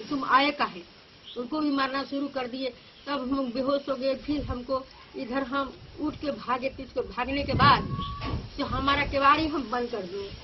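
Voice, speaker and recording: Middle-aged village woman interviewee, urgent and repetitive, high-pitched, dull audio with outdoor noise. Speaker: ward member giving her account. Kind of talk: emotional on-the-spot interview.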